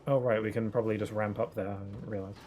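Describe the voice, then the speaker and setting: A man's voice: on the low side, fairly even intonation, fast, darkish tone, a little hiss or hum. A young man chatting casually while streaming a game, rambling with restarts and laughs. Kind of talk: casual gameplay commentary.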